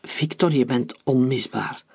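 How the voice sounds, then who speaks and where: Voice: mid-range voice, a little slow, vocal fry, a little mellow, slightly rough, voice pushed down. A narrator voicing an anxious, paranoid bald male industrialist in a storybook reading. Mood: uneasy.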